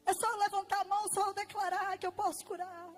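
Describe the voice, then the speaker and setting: A woman with a Brazilian Portuguese accent voicing a gently pleading, sorrowful Jesus in her sermon. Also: very high-pitched, little pitch movement, quick pace, soft background music.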